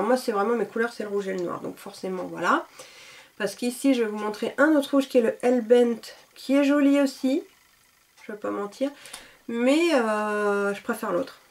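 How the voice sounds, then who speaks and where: A woman talks through her lipstick collection in a relaxed, chatty way, with plenty of fillers. Her voice sits a little high. It sounds like she is at home, recorded on her camera mic. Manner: chatty, enthusiastic, many fillers. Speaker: beauty vlogger. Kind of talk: casual product showcase.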